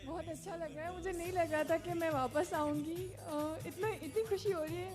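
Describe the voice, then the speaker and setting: A woman contestant speaking softly and earnestly on a TV show stage. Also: extremely high pitch, brisk. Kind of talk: casual on-stage talk. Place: TV studio. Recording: TV studio with music.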